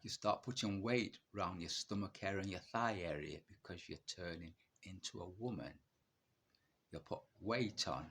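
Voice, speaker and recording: A man in his early sixties speaks in a blunt, defiant monologue, putting questions to himself and answering them flatly. His voice is husky and sits a little low. He often repeats a word as he restarts a thought. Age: 60s. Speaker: vlogger sharing his illness. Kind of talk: direct-to-camera monologue.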